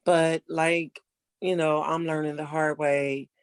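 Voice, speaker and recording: An older woman in casual conversation, giving earnest, motherly advice and slowing down to stress her points. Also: low voice, little pitch movement, clear, resonant tone, dry recording. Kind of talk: casual chat.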